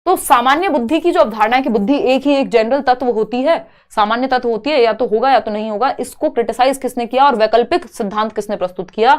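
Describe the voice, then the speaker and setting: A young woman teaching an exam-prep lecture. She reads each English question slowly, then explains it step by step, asking and answering her own questions. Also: a little high.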